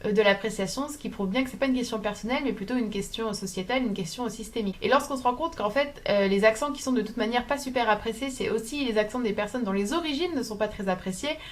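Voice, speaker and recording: A young woman from France talking casually to camera at home, thoughtful and halting, with many fillers and restarts. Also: on the high side, slight background noise. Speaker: video essayist.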